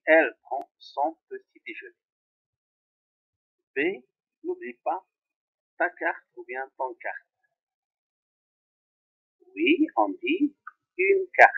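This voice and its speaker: A man teaching French grammar to pupils, repeating each example slowly. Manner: slow, repeating examples, very lively pitch. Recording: tinny phone-like sound.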